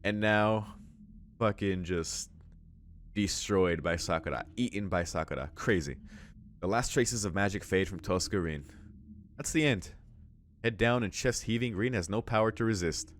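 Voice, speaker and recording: A man with a fairly low pitch reads game text aloud at a normal pace, breaking in with informal, exclamatory reactions like a let's play host. There's slight background noise.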